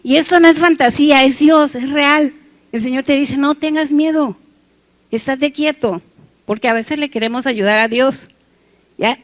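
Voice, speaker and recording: A woman preaching to a congregation. She talks conversationally, jokes between scripture points and keeps checking in with "right?" and "yes?". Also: a little high. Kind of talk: sermon.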